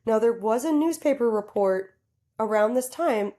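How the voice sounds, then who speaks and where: A woman co-hosting a podcast, telling a story in casual chat, giggly and animated, talking straight to her listeners. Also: a little high, normal speed. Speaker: podcast co-host.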